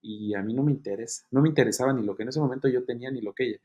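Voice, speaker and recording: A man, a guest giving an earnest, halting testimony in an interview, with many fillers. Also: mid-range voice, dark tone.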